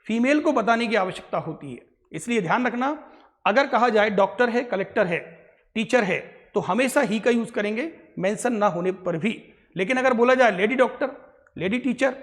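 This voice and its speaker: Man teaching grammar in a reverberant classroom. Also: high voice. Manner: repeats answers, checks with frequent tag questions. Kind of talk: classroom lecture in Hindi mixed with English. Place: coaching classroom.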